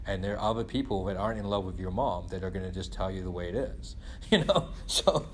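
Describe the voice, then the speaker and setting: Slight background noise accompanies this middle-aged English man, whose low voice moves at a brisk clip. Born in England to Guyanese parents of Indian descent, he vents in a loose, rambling, conversational way, often falling back on "like" and "you know."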